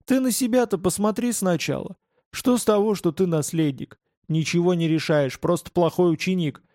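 A man voicing a sharp-tongued young male bodyguard who mocks and threatens in a higher voice than his narration. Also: normal speed, no room sound, clean studio sound, lightly acted. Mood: mocking. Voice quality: mocking, cutting.

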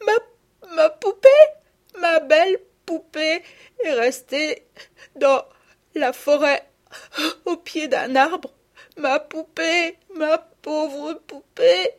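A sobbing little girl. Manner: sobbing, halting, high and strained. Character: tearful little girl, distraught over lost doll. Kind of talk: storybook reading.

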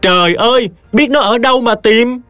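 A scheming stepmother from a spoken storybook, put on by a man, shrill and defiant. Her voice leaps up and down, sounding dry and close with soft music underneath. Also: big pitch swings, brisk, dry recording. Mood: shrieking. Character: scheming shrill middle-aged stepmother, woman.

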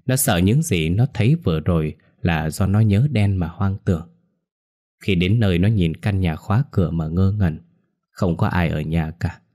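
A man narrating a ghost story in a calm, measured way. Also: low voice.

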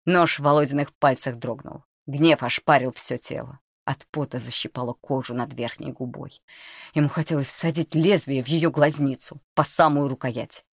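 A woman narrating a dark novel in a quiet, tense reading voice. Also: a bass voice, steady tone, moderate pace, dry recording, clean studio sound. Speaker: audiobook narrator. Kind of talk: scripted narration.

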